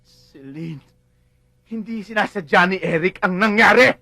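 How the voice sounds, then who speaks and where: A man's voice: high voice, unhurried, pushed and bright, no room sound, studio quality, full character voice. A middle-aged actor playing a father who insistently defends his son. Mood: indignant. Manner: indignant, insistent. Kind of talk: film drama acting.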